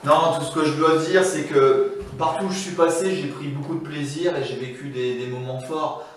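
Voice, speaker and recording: A man's voice: fairly high pitch, fairly even intonation, normal speed, very echoey, recorded from a distance. A man answering interview questions about his football career, rambling and repeating himself. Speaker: guest former footballer.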